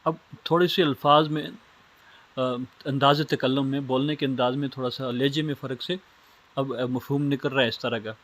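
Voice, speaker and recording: A man's voice: mid-range voice, fairly even intonation, a bit bright. Man giving a patient Islamic studies lecture. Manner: explains step by step with simple everyday examples. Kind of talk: recorded lecture.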